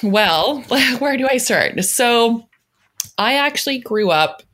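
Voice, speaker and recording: A woman's voice: on the high side, lively intonation, takes it slowly. A woman from Russia chatting casually as a guest, laughing often as she tells stories. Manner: giggly, warm storytelling with frequent laughs. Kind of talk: casual conversational chat.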